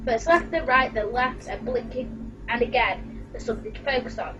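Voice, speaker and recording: A woman's voice: a little high, normal speed. Woman hosting a creepypasta read, voice going. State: losing her voice. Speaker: channel host. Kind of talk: casual creepypasta reading and chat. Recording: muffled, distant mic with music.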